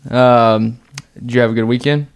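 A man's voice: medium pitch, fairly even intonation, moderate pace, smooth. A man hosting a casual podcast interview, laid-back and rambling with many fillers. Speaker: podcast host.

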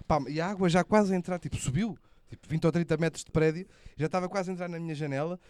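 A man telling stories in casual banter, animated, slangy and full of swearing. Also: fairly high pitch, quick pace, clean tone, no echo. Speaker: podcast host.

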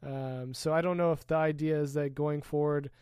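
A man co-hosting a casual tech podcast, opinionated, explaining at length and trailing off quietly at the ends of points. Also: on the high side, steady tone, normal speed, clear, resonant tone, no echo, studio quality. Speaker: podcast co-host.

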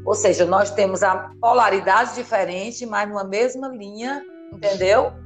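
Animated Brazilian woman therapist. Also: medium pitch, normal speed. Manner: animated, emphatic, asks listener "entendeu?" often. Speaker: therapist guest. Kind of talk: interview, explanatory talk. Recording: faint background music.

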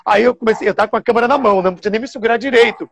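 A TV presenter from Bahia, telling stories animatedly with fillers and restarts. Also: male voice, sits high, rapid-fire, fairly bright tone, dull audio, a little hiss or hum. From Bahia, Brazil. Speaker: TV show presenter. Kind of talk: casual storytelling interview.

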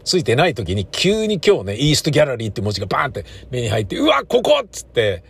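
A man's voice: mid-range voice, very animated, rapid-fire, vocal fry, husky. A man, a stage actor, reminiscing casually in a wistful storytelling manner, acting out the quoted lines of others.

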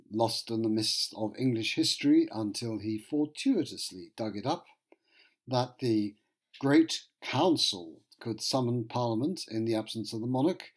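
A man's voice: medium pitch, darkish tone. A man narrating history from a script, in a wry, conversational storytelling manner with joking asides.

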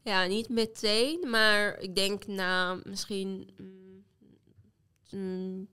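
A woman's voice: mid-range voice, fairly even intonation, extremely slow, sharp tone, clean tone. A woman from Iran who speaks Dutch, hesitant and searching for words in a casual talk. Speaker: guest in a panel talk. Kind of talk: casual chat.

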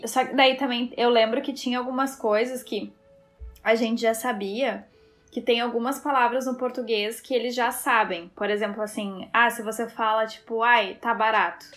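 A woman's voice: on the high side, steady tone, normal speed, faint music behind. Chatty woman telling stories. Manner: chatty storyteller, laughs while talking. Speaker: guest, fashion designer. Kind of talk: casual interview chat.

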